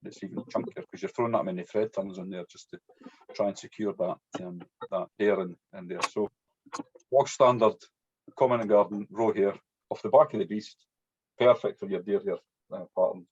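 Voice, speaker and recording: A fly-tying instructor with a strong, broad Scottish accent gives an informal hands-on demonstration, chatty and often tacking "yeah" onto his sentences. His voice is on the low side, a little mellow, with fairly even intonation and a moderate pace. The lo-fi audio is dull and muffled, with slight background noise.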